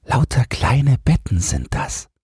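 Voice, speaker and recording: A man's voice: medium pitch, very animated, takes it slowly, husky, dry recording, clean studio sound, voice pushed up, full character voice. A man voicing a frightened nine-year-old boy who keeps watch over rubble, timid and stubborn. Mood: timid, sad. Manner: timid, stubborn, quietly grieving. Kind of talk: audiobook character voice.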